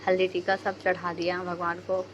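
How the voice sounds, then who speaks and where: Flat-voiced young mother narrating home video. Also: lowish voice, normal speed, muffled recording, noisy background. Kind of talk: casual voice-over commentary.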